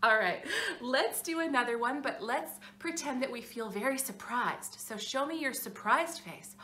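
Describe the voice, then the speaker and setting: Animated woman librarian reading to kids. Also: on the high side, moderate pace, roomy sound, a little hiss or hum. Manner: animated and expressive, talking to small children. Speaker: children's librarian. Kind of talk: children's storytime.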